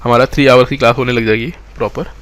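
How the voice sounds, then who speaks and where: Fast-talking man teaching a class. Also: mid-range voice, steady tone, fairly bright tone. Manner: talks fast, mixes English terms into Hindi, checks in with students often. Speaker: online exam-prep teacher. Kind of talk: live online class lecture.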